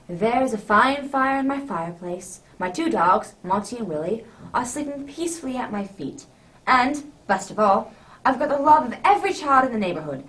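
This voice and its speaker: A genial, contented old gentleman doctor , acted by a woman in a radio play. The voice is fairly high and swoops expressively, telling fireside stories from a little way off the microphone. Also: far from the mic, low-quality recording. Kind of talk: radio drama acting.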